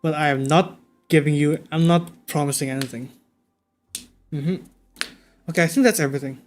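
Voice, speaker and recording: A man livestreaming a game, talking casually and thinking out loud in a conversational way. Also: on the high side, normal speed. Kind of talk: casual livestream chat while playing a game. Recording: game music behind the voice. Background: video game music.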